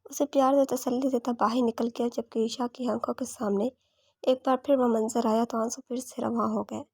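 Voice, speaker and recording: A woman narrating a romance novel in a steady, even reading. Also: on the high side, normal speed, slightly rough, no room sound, clean studio sound. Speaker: audiobook narrator.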